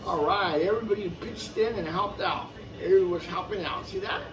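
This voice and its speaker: A high-pitched male storyteller reads a picture book to children a little fast, expressive throughout, with casual asides and repeated phrases for his young audience. The recording is noisy and sounds distant from the mic.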